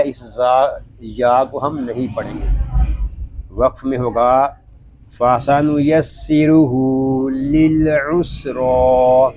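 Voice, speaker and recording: A man teaching Quran recitation. He spells each word letter by letter with drawn-out syllables, then explains the pronunciation rules. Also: medium pitch, darkish tone. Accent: Pakistani Urdu. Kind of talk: slow word-by-word tajweed lesson.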